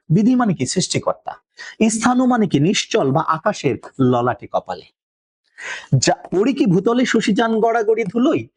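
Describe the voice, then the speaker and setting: A man's voice: high-pitched, husky, no room sound. A man teaching a poem, reciting verse lines and then explaining them, asking his class questions and answering them himself.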